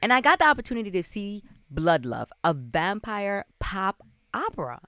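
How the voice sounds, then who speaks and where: A woman's voice: medium pitch, big pitch swings, normal speed, sharp tone, no room sound. A woman hosting a casual interview in a playful, familiar, slangy way, switching between English and Spanish. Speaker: show host and interviewer.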